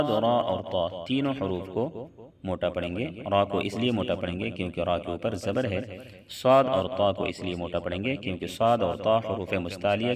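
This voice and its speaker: A man's voice: low-pitched, distant mic. Quran tutor, male, patient step-by-step tajweed lesson, voice set back from the mic. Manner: explains each letter plainly, then recites slowly and drawn out. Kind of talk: tajweed lesson with slow chanted recitation.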